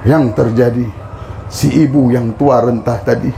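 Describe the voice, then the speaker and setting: A man's voice: medium pitch, fairly even intonation, unhurried, gravelly, dark tone, a little hiss or hum. A male preacher at a religious study gathering, retelling a story dramatically in an impassioned sermon style.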